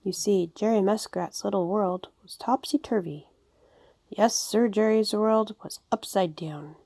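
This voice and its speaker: A woman reading a children's storybook aloud in a gentle, expressive way. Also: medium pitch, unhurried, vocal fry, no echo. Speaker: audiobook reader.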